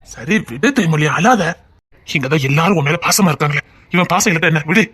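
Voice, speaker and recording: A performer voicing a calm, gentle grown man with a Tirunelveli Tamil accent, speaking soothingly to his wife. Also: mid-range voice, a little fast, slightly rough, pitched below the performer's own voice. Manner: soothing, coaxing.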